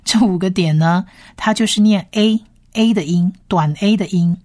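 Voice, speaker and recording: A woman's voice: medium pitch, warm tone. Brief: female teacher, patient and methodical, drills Hebrew sounds one syllable at a time. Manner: slow, careful syllable-by-syllable pronunciation drills. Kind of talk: radio-style language lesson.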